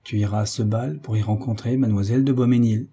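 Man reading as steady loyal friend, firm, dark breathy voice. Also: fairly low pitch, fast. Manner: firm, reassuring.

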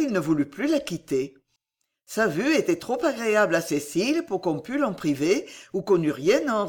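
A man narrating a novel aloud in an expressive, dramatic reading style. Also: high-pitched, husky. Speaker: audiobook narrator. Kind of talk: scripted audiobook narration.

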